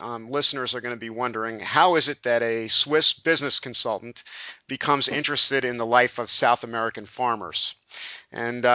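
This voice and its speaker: A man's voice: medium pitch, sharp tone, dry recording, dull audio. A man hosting a podcast interview, reading the guest's introduction and then asking questions. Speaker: podcast host.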